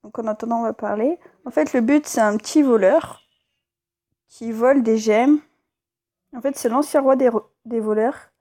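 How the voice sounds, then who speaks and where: Une femme à la voix un peu aiguë et douce, qui commente un jeu vidéo sur un ton décontracté, avec des hésitations. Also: female voice, on the high side, normal speed, dark tone. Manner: chatty, hesitant, with fillers and stumbles when reading. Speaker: let's play host. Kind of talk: casual gameplay commentary.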